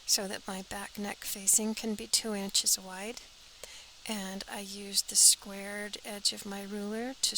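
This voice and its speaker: A woman's voice: mid-range voice, creaky, sharp tone, slight background noise, poor audio. A woman teaching a step-by-step sewing pattern drafting tutorial, practical and talking as she works, often dropping to an airy half-whisper.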